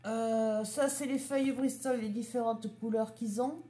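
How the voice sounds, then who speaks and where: A woman's voice: a little high, fairly even intonation, dark tone. A woman chatting casually as she shows a craft haul, item by item. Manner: slow, chatty, showing items one by one. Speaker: craft vlogger.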